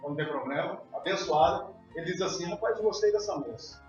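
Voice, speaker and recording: In a church hall, a male pastor with a high-pitched, lively voice preaches a little fast, emphatically and repeatedly calling out to his congregation. The recording is distant and dull, with an echoey hall and faint music.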